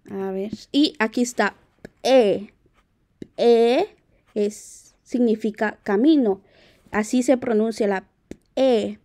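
A young woman, a native Q'anjob'al speaker, giving a casual, friendly language tutorial, often halting and correcting herself. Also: a little high, mellow. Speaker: language teacher on video.

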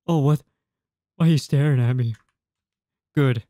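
Game music plays as a man in his twenties, a gaming YouTuber, reads the game's text and reacts casually from a small home room. His mid-range, dark voice moves at an unhurried pace, picked up by a desk mic close by.

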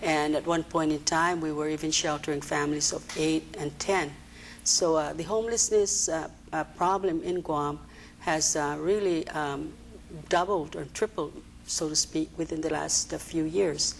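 A woman, an agency director answering TV interview questions in a halting way with many fillers. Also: sits low, steady tone, vocal fry, slight background noise, rough recording. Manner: hesitant, many fillers and restarts. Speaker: executive director of a social services agency, interview guest. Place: TV studio.

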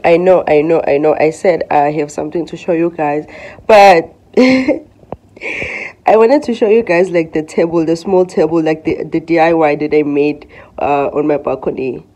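A woman's voice: sits low, fairly even intonation, normal speed, few pauses, mellow, reverberant, low-quality recording. A woman vlogger chatting casually to camera in her hostel room, self-mocking and swearing freely.

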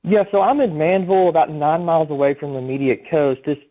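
A man's voice: a little high, quick pace. Man reporting over a thin phone line. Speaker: storm chaser giving eyewitness report. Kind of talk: live phone interview report. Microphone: telephone.

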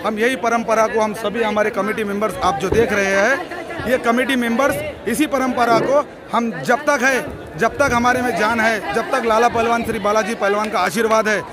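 A middle-aged man, a wrestling organizer giving a loud, pleading press statement into news mics, repeating phrases for emphasis. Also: very high voice, steady tone, moderate pace. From Hyderabad, India. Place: outdoor stadium at night, wrestling crowd. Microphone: cluster of handheld news mics. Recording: outdoor event with loud crowd.

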